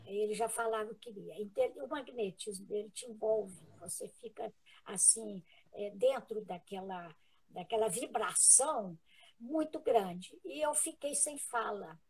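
A woman with a Brazilian Portuguese accent, a guest in a live interview, telling a personal story in an earnest, halting way with many restarts. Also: mid-range voice, darkish tone, breathy edge, rough recording.

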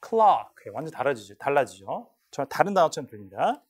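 Man, English instructor, lecture, lively intonation, repeats words to model them, Korean accent. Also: a little high, fast. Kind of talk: lecture explaining listening questions.

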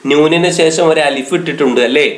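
A man teaching a children's Arabic lesson, explaining slowly word by word and asking the pupils questions. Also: on the high side. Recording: echoey room.

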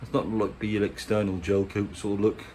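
A man's lowish, slightly mellow voice moves along at a moderate pace with little pitch movement. With an English accent, this boat restorer gives a hands-on how-to in a chatty, colloquial, casual and plain-spoken way. The recording is handheld in a workshop, background noise clearly audible.

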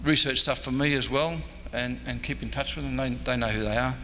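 In an indoor convention meeting room, a historian in his sixties from Australia delivers a loose, off-the-cuff lecture and answers questions, rambling in a hesitant, self-mocking manner. His mid-range voice is fairly quick, with fairly even intonation and a sharp tone. The hall echoes and there's background noise.

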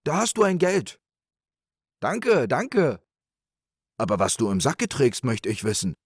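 A man's voice: mid-range voice, huge pitch swings, a little slow, breathy edge, no echo, clean studio sound, voice pushed up, full character voice. A man voicing a greedy, blustering rich peasant in a spoken fairy tale. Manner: loud and blustering.

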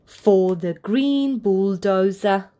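A woman with a mid-range voice reads a picture book aloud for toddlers, using deliberate, expressive phrasing aimed at small children and adding encouraging asides. She is a children's storybook reader and channel host.

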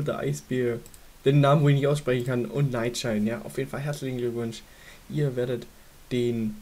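A man's voice: mid-range voice, mellow. A young man giving informal, chatty gaming commentary, thinking aloud as he goes. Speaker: gaming YouTuber hosting a giveaway draw. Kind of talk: casual screen-recording commentary. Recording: hissy home microphone recording. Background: faint hiss.

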